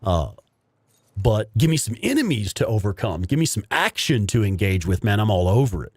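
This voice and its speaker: A man's voice: fairly low pitch, very animated, normal speed, no echo, studio quality. A man hosting a gaming livestream with casual, rambling commentary and some swearing. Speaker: livestream host playing a video game.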